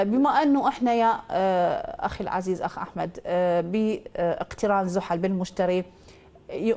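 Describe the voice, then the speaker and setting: A woman with an Iraqi accent and a mellow, mid-range voice hosts a call-in astrology show. Speaking into a studio mic, she quizzes a caller with probing questions before delivering confident pronouncements.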